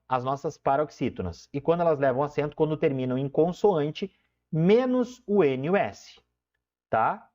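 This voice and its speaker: A man's voice: fairly high pitch, darkish tone. A man teaching an online lesson, explaining step by step, stretching out key terms and often checking in with his students. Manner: drawn-out emphasis on key terms. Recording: dull lo-fi recording.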